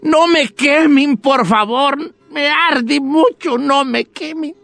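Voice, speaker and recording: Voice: animated, measured pace, creaky, fairly bright tone, no room sound, faint music behind, full character voice. A weeping Christmas tree. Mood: sobbing. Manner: sobbing, high, begging voice. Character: young Christmas tree, sad and pleading.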